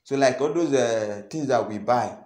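A young man with a Nigerian accent talks to the camera in a small room, patiently explaining and often saying things twice. His voice sits at an ordinary pitch. The room adds a noticeable echo. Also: normal speed, darkish tone. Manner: repeats phrases, earnest and explanatory. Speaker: farming channel host. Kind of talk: instructional vlog talk to camera.

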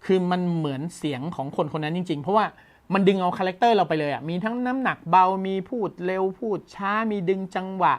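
A man's voice: sits high, expressive, fast talker. A man hosting a tech news show, explaining a gadget in a casual, enthusiastic way and exclaiming often.

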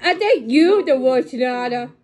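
A woman voicing a grumpy, sarcastic teenage cartoon villainess in a loud, overacted amateur fan dub. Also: high voice, animated, measured pace. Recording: home phone recording over TV sound.

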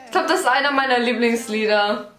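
A woman hosting a reaction video, gushing excitedly and dropping English exclamations into her talk. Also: on the high side, a little fast. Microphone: headphones on, desk mic. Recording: roomy echo with faint music behind.

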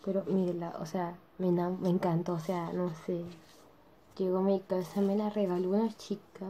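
A woman's voice: fairly low pitch, level tone, moderate pace, warm tone, a little hiss or hum. A young teenage girl chatting casually to camera from her bed in her bedroom, giggling often and filling her talk with "o sea". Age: young teen. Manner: says she is shy. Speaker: youtuber. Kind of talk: casual chat.

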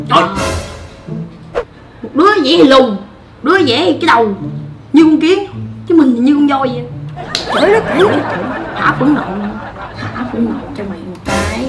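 A woman's voice: sits high, rough recording. A woman voicing a cocky, mischievous young boy who mocks and taunts. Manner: mocking, taunting. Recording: loud music behind.

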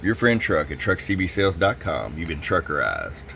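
A man's voice: deep voice, sing-song, normal speed, gravelly, heavy background noise. A man who runs a radio shop, giving a casual tune-up report in a folksy, chatty way and speaking straight to his customer.

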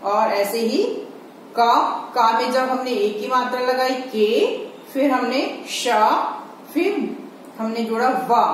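A woman's voice: a little high, a little hiss or hum. A woman teaching Hindi to small children in a patient lesson, sounding out syllables and asking rhetorical questions. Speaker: primary school Hindi teacher. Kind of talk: slow, patient classroom lesson video. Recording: echoey room, voice a bit distant from the mic.

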